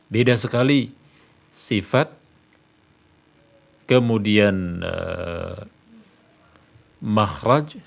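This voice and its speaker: Male recitation teacher, unhurried explanatory delivery, fairly low voice, keeps checking in with "ya". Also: creaky. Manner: repeats "ya" often, drawls verses slowly. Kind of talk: explanatory religious lesson.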